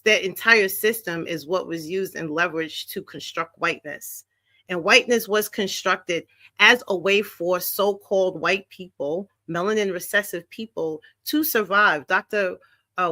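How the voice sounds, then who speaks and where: Bright-voiced woman. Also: medium pitch, no room sound. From Queens, New York. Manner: emphatic, punctuates points with "right?" and "okay?". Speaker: guest speaker. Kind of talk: impassioned panel talk.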